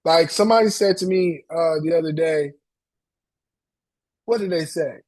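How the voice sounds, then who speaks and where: A man hosting a coaching call, giving motivational talk in a halting way, repeating words and getting choked up. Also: on the high side, darkish tone, dry recording.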